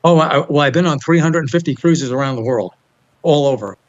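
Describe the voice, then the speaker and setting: This older Long Islander, in his seventies with a New York accent, sounds on the high side and talks fairly quickly over lo-fi audio. Chatting in a relaxed interview, he drifts from memory to memory, often restarting and groping for names.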